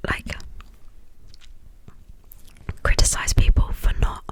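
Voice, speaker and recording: A young adult from the United Kingdom speaks in a hushed, breathy whisper, rambling informally and hesitantly in an ASMR style. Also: slow pace. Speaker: ASMR video creator.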